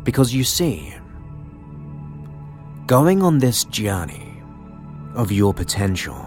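A man leading a guided relaxation in a soothing, unhurried manner, leaving long pauses between short phrases. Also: medium pitch, sing-song. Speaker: guided meditation host. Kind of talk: guided relaxation hypnosis narration. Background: new-age music.

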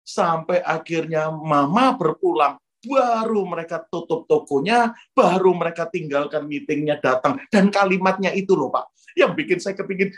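A man's voice: on the high side, normal speed. A male pastor delivering a storytelling sermon, often addressing listeners as brothers and sisters.

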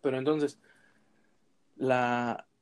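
A man's voice: medium pitch, level tone, drawn-out words, smooth, no echo. A man in a casual discussion who hesitates and restarts often, his voice breaking up over a bad call connection. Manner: hesitant, many fillers and restarts. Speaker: discussion participant. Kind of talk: casual chat, explaining.

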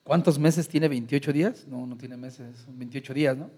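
A man with a Mexican accent, a singer guesting on a podcast, speaking in a relaxed, plain-spoken way. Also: medium pitch, normal speed, slightly rough. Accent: Mexican Spanish. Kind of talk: casual interview chat.

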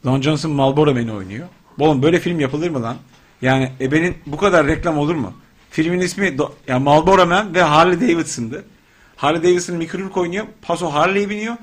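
A man's voice: a little high, quick pace. A man co-hosting a casual radio show, teasing crudely and laughing often.

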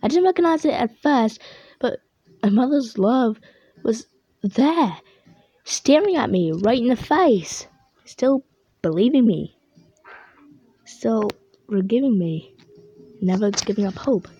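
Woman as an earnest, husky, sentimental storybook character. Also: on the high side, expressive, slow, pauses often, dark tone, dry recording, heavily acted. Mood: tender, earnest. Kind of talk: children's storybook read-aloud. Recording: dull lo-fi recording.

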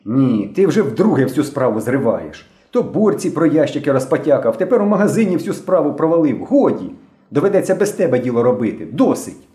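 Storybook voice: man playing an assertive boy leader, scolding, mellow, roomy echo. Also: mid-range voice, sing-song, fast talker, voice pushed up, close to an everyday voice. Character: bossy boy leader of the gang.

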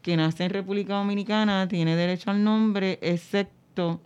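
A woman explaining things in an interview, haltingly and searching for words. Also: mid-range voice, fairly even intonation, a little mellow, clear, resonant tone, dull audio.

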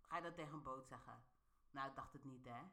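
A woman's voice: very deep voice, fast, bright, forceful tone. A woman talking straight to her viewers in a playful, casual monologue, often laughing and checking they follow her. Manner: playful, laughs often, asks the listener questions. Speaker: vlogger.

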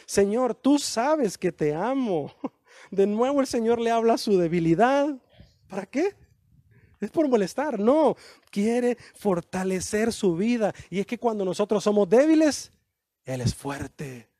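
Male preacher, high but mellow voice, dry close sound, animated sermon delivery. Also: dry recording. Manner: animated preaching, acting out quoted dialogue with slow emphatic lines.

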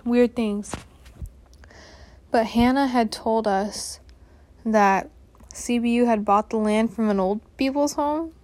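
A young woman with a fairly high voice talks at a slow pace. She hosts a casual podcast alone, drifting between thoughts, interrupting herself and apologizing as she goes. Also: a little mellow, no room sound. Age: young adult. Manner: scatterbrained, self-interrupting, apologetic. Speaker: podcast host. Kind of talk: casual rambling solo podcast. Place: bedroom at home.

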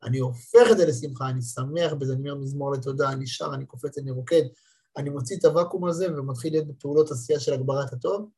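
Man, 30s, husky, dark-toned, emphatic storyteller, spiritual lesson. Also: on the high side. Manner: emphatic storytelling, repeats words for stress. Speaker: religious motivational teacher.

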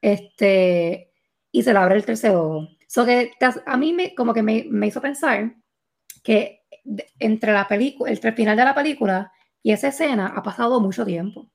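A woman's voice: fairly high pitch, normal speed, creaky. A woman co-hosting a podcast, chatting casually about a movie and mixing in English phrases. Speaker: podcast co-host.

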